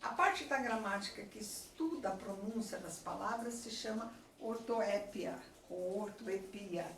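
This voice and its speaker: A woman teacher, giving a slow classroom lecture and checking in with her students often. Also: mid-range voice. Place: classroom with a chalkboard. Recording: echoey room, voice from far off, faint noise.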